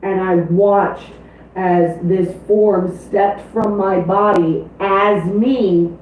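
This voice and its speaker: A woman's voice: medium pitch, steady tone, extremely slow, slight background noise. Emotional swearing woman, echoey distant mic. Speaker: tabletop game player. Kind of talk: casual chat. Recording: distant echoey tinny lo-fi audio.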